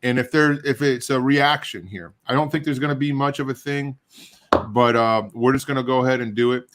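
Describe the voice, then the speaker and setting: A man's voice: mid-range voice, a bit bright. Rambling middle-aged man with a runny nose. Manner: rambling, halting, self-deprecating. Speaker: show host. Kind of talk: casual chat while tasting hot sauce.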